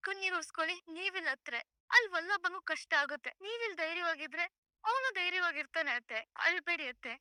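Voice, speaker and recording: A soothing young wife. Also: female voice, very high voice, animated, brisk, bright, forceful tone, no echo, full character voice. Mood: consoling. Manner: soothing, insistent. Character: young wife comforting her mother-in-law.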